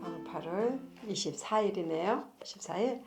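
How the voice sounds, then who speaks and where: Over music, a woman with an expressive mid-range voice speaks at normal speed as host of a family-counseling channel. She chats loosely about marriage, reads from her book, and laughs often between lines, all in an echoey room.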